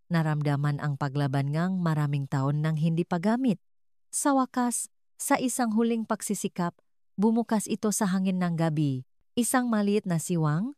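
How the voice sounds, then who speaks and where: A woman telling a dramatic first-person story in an earnest, measured narration. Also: on the low side, expressive, warm tone, clear, resonant tone, no room sound, studio quality.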